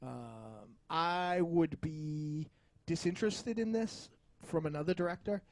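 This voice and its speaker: Slow and fairly high-voiced, with a darkish tone and no room sound, this male co-host argues film on a podcast. The review discussion gets heated, and he's emphatic, combative, and profane.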